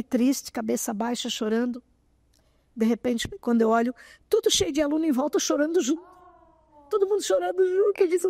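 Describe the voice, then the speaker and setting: A woman's voice: high-pitched, no echo. Older woman telling an emotional story. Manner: animated, often close to tears. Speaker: interview guest, association president.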